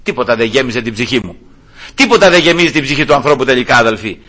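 Retelling scripture with voiced quotes, a middle-aged man delivers an ardent sermon that swings from high, insistent pleas to hushed murmurs. His tone is animated, bright and forceful.

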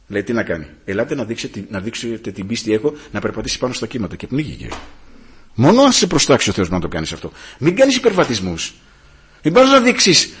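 A man preaching a sermon, moving from calm teaching to loud, fervent calls and often repeating hallelujah. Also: mid-range voice.

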